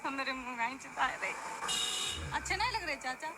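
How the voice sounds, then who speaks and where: A young woman bantering and joking in casual, animated talk in a rural dialect. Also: high voice, a little fast, reverberant, very noisy. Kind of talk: casual banter in a vlog clip.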